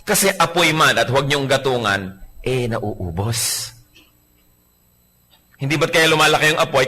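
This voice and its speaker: Male pastor, sermon, pitched a little high, very expressive delivery, acts out quotes. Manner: animated, acts out quoted voices; mixes in English scripture lines.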